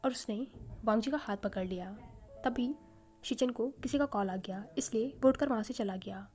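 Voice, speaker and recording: A woman narrating a fan fiction story aloud in a steady storytelling manner. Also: on the high side, moderate pace. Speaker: channel host, story reader. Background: faint background music.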